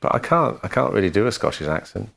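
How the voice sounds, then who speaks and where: A man's voice: on the low side, very animated, fast, gravelly, fairly bright tone, slightly rough. A man co-hosting a podcast, telling band anecdotes in a dry, matter-of-fact way. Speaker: podcast co-host and musician. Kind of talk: casual storytelling chat.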